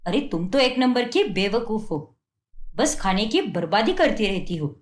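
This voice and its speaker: A woman's voice: medium pitch, lively intonation, moderate pace, echoey room, lightly acted. A woman voicing a fault-finding young husband in a cartoon, scolding and contemptuous. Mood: scornful. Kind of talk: Hindi cartoon dubbing.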